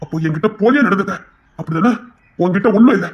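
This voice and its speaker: A man voicing a stern, hurt older brother who speaks slowly and accusingly. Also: high voice, expressive, dull audio.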